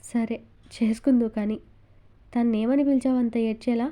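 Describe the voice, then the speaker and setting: A woman's voice: fairly high pitch, fairly even intonation, moderate pace, warm tone, lightly acted. A woman voicing a caring young aunt who talks to children affectionately. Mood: coaxing. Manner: affectionate, coaxing.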